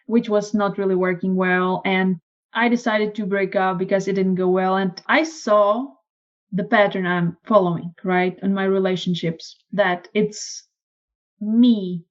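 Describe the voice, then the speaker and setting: A woman with a Czech accent, a podcast guest telling her story in casual conversation, lively and acting out quoted lines. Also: measured pace, highs cut off. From Czech Republic. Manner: animated, acts out quoted lines in a higher voice.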